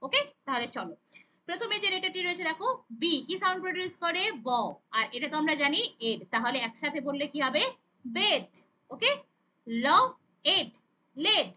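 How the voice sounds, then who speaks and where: Female teacher, high and bright voice, animated phonics drills for small children, slightly dull lo-fi audio. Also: fast. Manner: sounds out letters then blends, asks rhetorical questions with "okay?".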